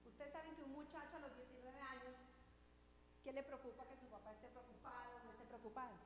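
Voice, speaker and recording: A woman preaching a sermon with personal testimony, swinging between loud declarations and soft, prayerful asides. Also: sits high, fairly even intonation, quick pace. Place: church sanctuary. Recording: church hall with long reverb, faint hum.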